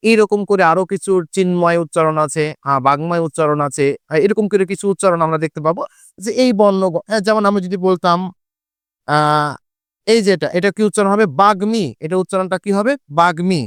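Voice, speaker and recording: A man from Bangladesh teaching a Bengali grammar lesson for exam students, repeating each rule slowly and asking and answering his own questions. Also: sits high, smooth, no echo, studio quality.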